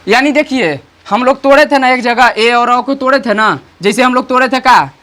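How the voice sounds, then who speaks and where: An online teacher, explaining grammar slowly and repeatedly checking understanding with rhetorical questions. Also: medium pitch, bright, forceful tone. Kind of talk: grammar lesson.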